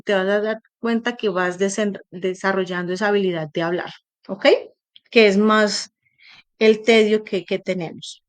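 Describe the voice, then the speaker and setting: Chatty woman teaching on a video call. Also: medium pitch. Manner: animated, chatty, explains with examples. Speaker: English teacher. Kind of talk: casual online class advice. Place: online class.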